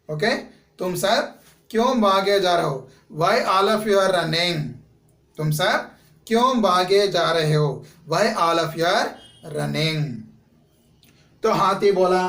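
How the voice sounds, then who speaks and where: A man teaching a class, his voice high and his pace slow and careful. He asks the class questions and then answers them himself, and restates every word in English. The sound is echoey and comes from some way off the mic. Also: fairly bright tone. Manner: explains each Hindi word again in English. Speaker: school teacher. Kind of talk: classroom story lesson. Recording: echoey room, voice from a distance.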